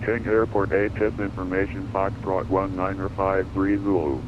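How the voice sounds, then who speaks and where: A man's recorded airport weather broadcast played over the radio, flatly reading coded weather figures. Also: deep voice, moderate pace. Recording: muffled radio with heavy background noise.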